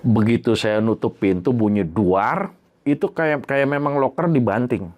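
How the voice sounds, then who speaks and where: A man telling his own horror story in a casual, slangy way. He swears freely and acts out the bangs and creaks he heard. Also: medium pitch, unhurried. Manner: animated, imitates sounds like bangs and creaks.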